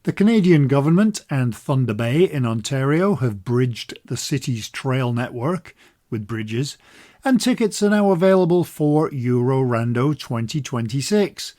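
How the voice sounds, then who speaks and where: A man's voice: mid-range voice, animated, measured pace, warm tone. A man hosts a walking podcast. He runs through the week's news in an upbeat, chatty way and drops in dry jokes along the way. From Scotland. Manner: upbeat, conversational, dry humour. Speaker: podcast host. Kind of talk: podcast news roundup and interview.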